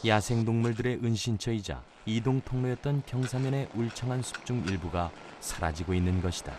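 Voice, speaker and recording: A man giving scripted nature documentary narration in a measured, solemn storytelling manner. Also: mid-range voice, background noise. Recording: music behind the voice. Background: background music.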